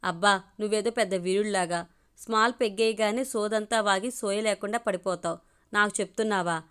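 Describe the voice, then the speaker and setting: A woman's voice: medium pitch, steady tone, brisk, a bit bright, clear, resonant tone, natural voice. A woman voicing a young man who grumbles and jokes at his younger cousin in a spoken audio story. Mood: grumbling.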